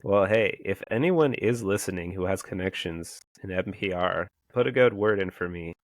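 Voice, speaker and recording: Deep, hoarse man hosting a podcast. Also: normal speed, no room sound. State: hoarse from a cold. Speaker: podcast co-host. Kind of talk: casual comics podcast chat.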